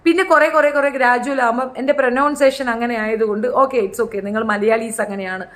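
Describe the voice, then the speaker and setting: A woman's voice: a little high, fairly even intonation, a little fast. A middle-aged woman giving chatty, opinionated commentary in a casual style, acting out quotes with other voices. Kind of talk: casual reality show commentary.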